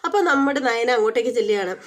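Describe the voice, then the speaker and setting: A young woman rattles through a serial episode recap at a brisk clip, her voice sitting high. She tells it like casual chat with a friend, leaning on filler words and correcting herself mid-sentence. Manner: chatty retelling, repeats filler words, quick self-corrections. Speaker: serial review channel host.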